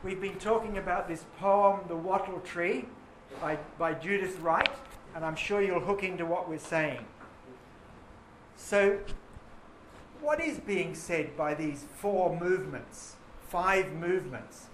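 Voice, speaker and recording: A man's voice: high voice, slow pace, slight background noise. A male teacher leading a poetry lesson in a classroom, enthusiastic and full of praise for his students. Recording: roomy classroom echo.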